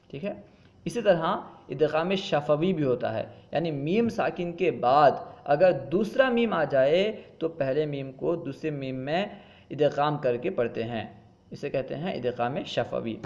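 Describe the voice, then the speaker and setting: A man teaches a Quran recitation lesson, explaining rules patiently. His voice sits a little high, and he stretches out the Arabic example words in a slow chant. The recording sounds dull and muffled. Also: a little mellow.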